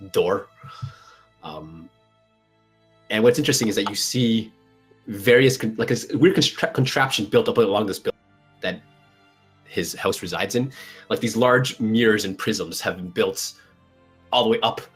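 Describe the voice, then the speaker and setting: A man improvising narration as a tabletop game master, describing scenes in a halting way as he searches for words. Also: lowish voice, slightly rough.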